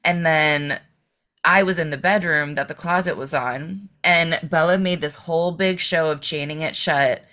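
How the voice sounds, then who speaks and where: A woman from the Boston area, a podcast guest, chatting casually and telling animated, profane stories packed with "like". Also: deep voice, unhurried. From Boston area, Massachusetts. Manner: animated, profane storytelling full of "like". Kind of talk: casual chat.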